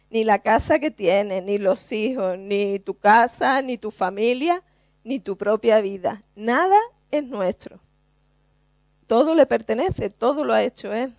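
A woman's voice: on the high side, gravelly, a little mellow, no echo, lo-fi sound. A woman preacher giving an earnest, emphatic sermon to her congregation. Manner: earnest, slow and emphatic, addresses the congregation directly.

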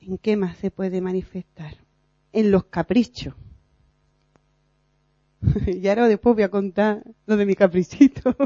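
A woman giving an informal sermon at a prayer meeting, earnest and animated, sometimes laughing at herself. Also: mid-range voice, dry recording. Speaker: lay preacher in a prayer meeting. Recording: dull lo-fi recording.

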